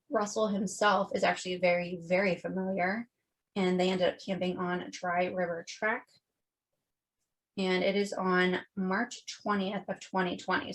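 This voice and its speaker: A woman co-hosting a podcast, walking through a true-crime case in loose, chatty storytelling. She swears casually and slips into quoted voices as she goes. Her voice sits at a middle pitch for a woman. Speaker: podcast co-host.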